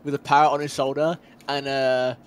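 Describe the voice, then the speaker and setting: A man's voice: mid-range voice, level tone, brisk, over a noisy crowd. A man in casual gaming chat with friends, playful and telling silly jokes. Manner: playful, tells silly jokes through laughter.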